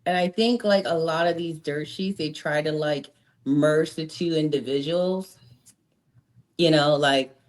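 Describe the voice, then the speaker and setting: A woman's voice: low-pitched, measured pace. A woman in her thirties, a former wrestler talking as an interview guest, candid and outspoken, often laughing. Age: 30s. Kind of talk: casual interview chat.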